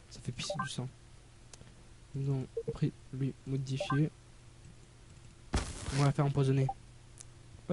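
A man giving casual, halting video game commentary, thinking aloud as he plays. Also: mid-range voice, dark tone, slight background noise, low-quality recording. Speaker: gamer, let's play host. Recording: game music behind voice. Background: video game music.

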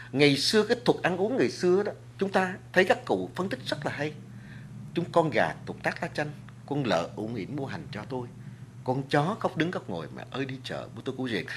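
A man talks as a talk-show guest, his pitch rising and falling with lively swings as he lectures. He speaks earnestly and addresses the audience directly. He often restarts his sentences around filler words. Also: breathy edge. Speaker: guest speaker on food and culture. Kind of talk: studio talk show discussion.

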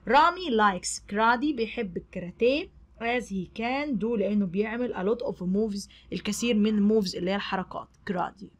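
A young woman with an Egyptian Arabic accent teaching a children's English lesson. She says each word slowly, repeats it twice, and then explains it quickly. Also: mid-range voice. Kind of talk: classroom explanation.

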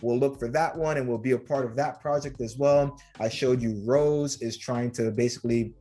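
Relaxed man casually walking viewers through. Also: mid-range voice, normal speed, faint music behind. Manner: relaxed, filler-heavy, addresses viewers as guys. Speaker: crypto channel host. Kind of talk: casual screen-share walkthrough. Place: home room.

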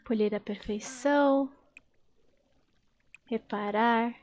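Woman streamer, high-pitched, expressive and chatty, casual gameplay talk. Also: slow. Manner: chatty, expressive, laughs often. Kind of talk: casual gameplay chat, reading out chat.

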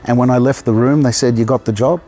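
A man in his fifties from Australia, an actor telling stories in a relaxed outdoor interview with a lapel mic. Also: mid-range voice, fast, soft background music. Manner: relaxed storytelling, laughs often. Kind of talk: casual interview. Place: outdoor garden.

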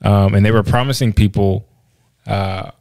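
Low gravelly guy co-hosting a podcast, rambly and laughy, dry close sound. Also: steady tone, normal speed, a little mellow, no echo. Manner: chatty, laughs easily, many restarts and fillers. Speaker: podcast co-host. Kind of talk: casual podcast chat.

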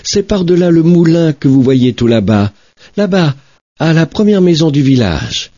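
A man voicing an innocent, trusting little girl in a storybook reading, with a high, eager, wide-eyed delivery. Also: very animated, moderate pace, dark tone.

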